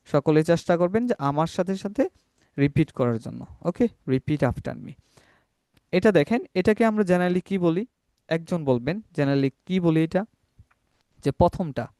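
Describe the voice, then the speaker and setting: A Bangladeshi man teaching English pronunciation in an online class, slowly modelling sounds and often checking that the class is following. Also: a little high, animated, dark tone, dry recording, clean studio sound. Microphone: laptop or video call mic.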